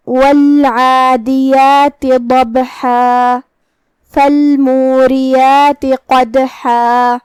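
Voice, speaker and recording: Calm high-voiced woman teaching recitation. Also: no echo. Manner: calm, explains each letter then recites slowly. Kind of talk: tajweed lesson with slow recitation.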